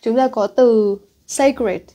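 Cô giáo dạy tiếng Anh, giọng trầm ấm. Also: female voice, on the high side, takes it slowly, warm tone. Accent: Northern Vietnamese. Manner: checks in with students constantly, asking if they follow; reads English words aloud then explains them. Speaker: English teacher. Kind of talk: exam-prep lesson.

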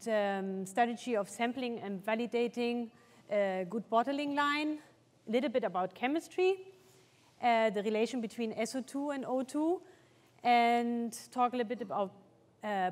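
A woman's voice: fairly high pitch, darkish tone. Woman lecturing in a reverberant hall. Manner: hesitant, many fillers and restarts. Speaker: conference speaker, wine researcher. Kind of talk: conference presentation.

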